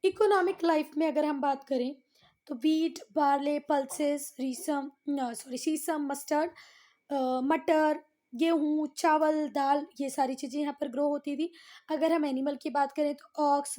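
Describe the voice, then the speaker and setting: A woman's voice: high voice, steady tone, mellow. An Indian woman teaching a history lesson online, moving between Hindi and English and answering her own questions to the students. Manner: reads English lines slowly and deliberately.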